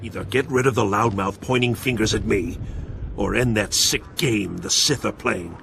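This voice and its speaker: A man voicing a wary male bounty hunter, defensive and gruff as he talks his way out of trouble. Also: on the low side, moderate pace, fairly bright tone, a little hiss or hum.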